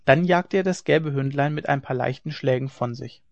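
A man reading a classic novel aloud as an audiobook narrator in a steady storytelling manner. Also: mid-range voice, normal speed, vocal fry. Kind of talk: scripted narration. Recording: dry, dull lo-fi recording.

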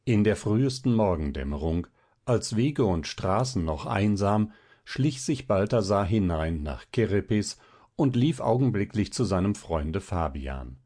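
A man reading a classic tale aloud in a slow, measured, solemn manner. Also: lowish voice, expressive, dark tone. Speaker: audiobook reader. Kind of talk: scripted narration of a classic tale.

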